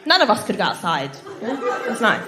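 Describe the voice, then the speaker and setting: Her voice runs high with big pitch swings and a fairly quick pace over a noisy crowd. A stand-up comedian in her twenties at a live comedy night, she chats with the audience through frequent tag questions and laughs in snorting giggles, recorded in an echoey room with background noise.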